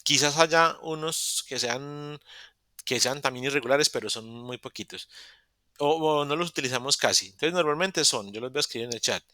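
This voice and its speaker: Male teacher on a video call, bright voice, dry close sound, keeps restarting sentences. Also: medium pitch, normal speed, no room sound. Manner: explains step by step with many restarts and self-corrections. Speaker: English teacher. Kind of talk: live online class explanation.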